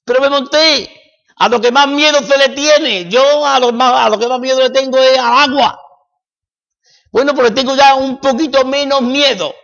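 A man from preaching a sermon, swinging dramatically between loud declarations and hushed passages. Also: extremely high pitch, normal speed, vocal fry. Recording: echoey hall, dull lo-fi sound.

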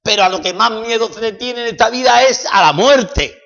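Dramatic Spanish preacher in an echoey hall. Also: male voice, sits high, expressive, moderate pace, gravelly. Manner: dramatic, swings between loud and hushed. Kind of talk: sermon. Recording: echoey hall, dull lo-fi sound.

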